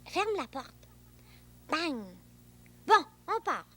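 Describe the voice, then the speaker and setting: A woman's voice: extremely high pitch, very animated, extremely slow, fairly bright tone, heavily acted. A woman playing a playful young boy with an imaginary friend, chatty and bossy, with a Québécois accent. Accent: Québécois French. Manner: bossy, chatty, engine noises. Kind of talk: children's TV acting.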